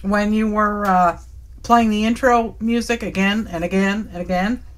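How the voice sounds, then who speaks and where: A woman's voice: medium pitch, steady tone, moderate pace. A woman hosting a live craft stream, chatting casually and joking as she shows her steps. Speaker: craft show host. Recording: faint background noise.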